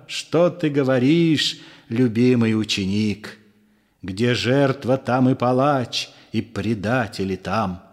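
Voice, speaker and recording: A man's voice: mid-range voice, natural voice. Man voicing Judas, bitter scornful disciple. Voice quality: fervent, accusing, sharply mocking. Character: bitter, scornful male disciple, fiercely passionate. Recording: long room reverb.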